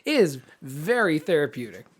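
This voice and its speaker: A man's voice: fairly high pitch, big pitch swings, normal speed. A man in his thirties co-hosting a film podcast, rambling and laughing in casual chat. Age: 30s. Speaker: podcast co-host.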